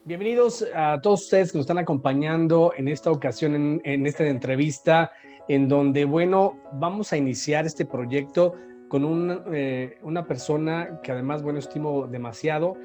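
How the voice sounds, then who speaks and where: An interview host introducing a guest at length and asking questions, pausing and restarting often. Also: medium pitch, soft background music. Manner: warm praise, many hesitations and restarts.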